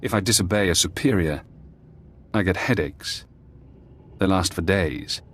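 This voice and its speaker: In a video game, a male actor with a deep voice plays an imprisoned former operative who is calm and clinical. His delivery is measured, precise and dryly matter-of-fact, and the mood comes across as measured and resigned.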